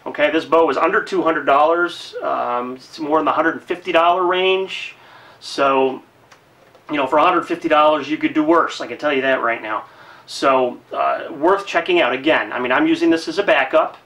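Chatty violinist, a bit off-mic. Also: male voice, fairly high pitch, normal speed, sharp tone, distant mic. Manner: chatty, rambling with many fillers and restarts; breezy upbeat sign-off. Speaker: violinist reviewing gear. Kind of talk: casual video review.

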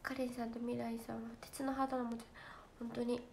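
A young woman with a Kansai accent chatting casually on a livestream for fans, giggly and talkative, slipping into quick impressions of friends. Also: a little high, level tone, creaky, a little mellow, a little hiss or hum. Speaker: idol trainee streaming to fans.

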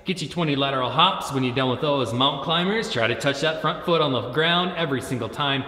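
Echoey, bright-voiced man coaching a workout. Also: mid-range voice, a little fast. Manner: urgent, commanding motivational gym-coach delivery. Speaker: fitness coach leading a timed home workout. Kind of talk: workout coaching, short cues and encouragement. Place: large indoor gym. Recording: echoey, reverberant gym hall.

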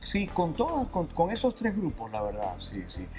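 A guest musician from Venezuela chats casually on a talk show, relaxed and rambling, cracking jokes as he goes. His voice is on the high side at a normal pace, with music faintly in the background.

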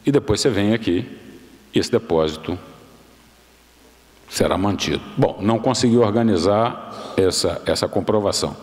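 Older man lecturing in a big hall. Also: mid-range voice. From Brazil. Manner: measured, explanatory, with restarts and self-corrections. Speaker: guest lecturer. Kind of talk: formal lecture. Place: large university auditorium, speaking at a lectern. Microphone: lectern microphone. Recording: long hall reverb.

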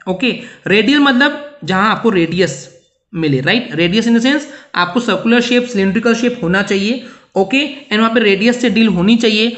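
A man's voice: high voice, a bit bright. Male tutor checking in with students. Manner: explanatory, keeps checking in with students. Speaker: physics tutor. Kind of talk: coaching class lecture. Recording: dull lo-fi recording.

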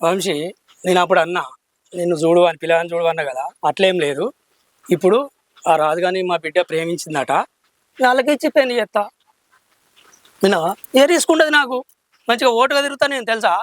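A man's voice: high voice, fast, long pauses, no echo, natural voice. A man playing an indebted village father, pleading and stubborn by turns. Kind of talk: village drama acting.

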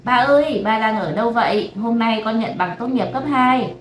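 A woman's voice: a little high, normal speed, roomy sound, recorded from a distance, natural voice. A woman voicing a sulky, stubborn teenage girl in a read-aloud story, giving curt, sullen replies. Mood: pleading.

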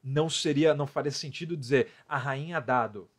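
A man's voice: mid-range voice, fairly quick. A man with a Brazilian Portuguese accent teaching an English lesson live, talking with his viewers in a chatty way and reading their comments aloud. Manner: chatty, often ends phrases with "né?", lively emphasis on examples.

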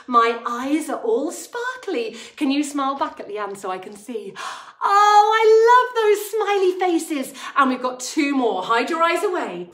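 A woman in her thirties presenting a drama class to young children in an exaggerated, overbright kids party host manner, theatrical and expressive. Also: fairly high pitch. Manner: theatrical, expressive, acting out emotions. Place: attic-style studio room, indoors. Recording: roomy echo, music at times.

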